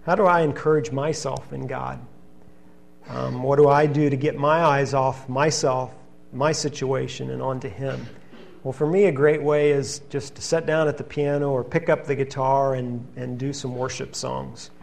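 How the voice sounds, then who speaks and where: A man preaching a sermon, reading scripture passages in an earnest, steady teaching manner. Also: mid-range voice, normal speed, gravelly.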